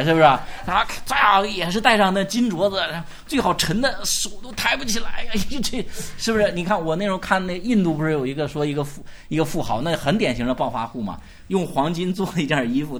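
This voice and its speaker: A male pastor preaching a sermon at a church gathering, animated, firing rhetorical questions and urging the congregation to answer loudly. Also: high voice, noisy background.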